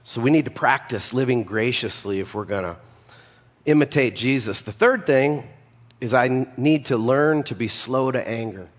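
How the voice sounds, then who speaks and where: A man's voice: mid-range voice, normal speed. A man preaching a conversational sermon, telling stories with casual asides. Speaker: pastor. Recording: long hall reverb.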